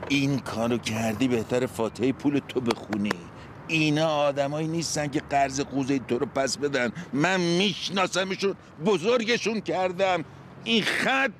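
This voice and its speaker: A man's voice: medium pitch, background noise, natural voice. An actor playing a cynical older man, knowing and blunt as he gives a warning.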